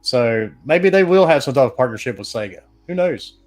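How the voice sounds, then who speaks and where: A man's voice: medium pitch, animated, moderate pace, a little mellow, soft background music. Easygoing male panelist, Southern US accent. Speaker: guest panelist.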